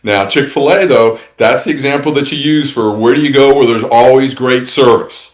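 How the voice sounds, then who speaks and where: A man's voice: mid-range voice, normal speed, low-quality recording. A man talking as a tourism industry guest in a casual interview, rambling along with many restarts and fillers.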